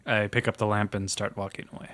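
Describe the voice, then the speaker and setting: A man's voice: fairly low pitch, flat delivery, quick pace, a bit bright. A man talking casually as a player in a tabletop role-playing game, describing what his character does.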